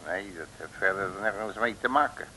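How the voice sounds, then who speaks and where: On a noisy old recording of a comic Dutch radio drama from around 1960, a male actor plays a bearded, boastful, grumbling detective who blusters in colloquial, hesitant speech and sounds puzzled. His voice is on the low side, pushed and bright, at a moderate pace.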